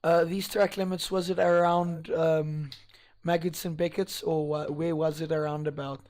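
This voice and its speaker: A man with a fairly high, wheezy and strained voice works as a live esports commentator. He interviews drivers after the race, feeling his way through questions with many halting pauses. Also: flat delivery, a little mellow.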